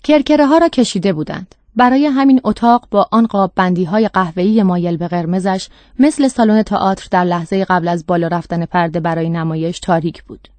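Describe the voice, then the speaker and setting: A woman narrating a dark short story in a measured, steady reading. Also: on the low side, no room sound. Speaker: audiobook narrator. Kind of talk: scripted narration.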